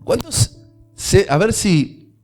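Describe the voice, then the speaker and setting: High-voiced Rioplatense pastor preaching. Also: male voice, big pitch swings, a little mellow, faint music behind. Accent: Rioplatense Spanish. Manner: emphatic preaching with dramatic pauses and quoted prayers. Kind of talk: sermon.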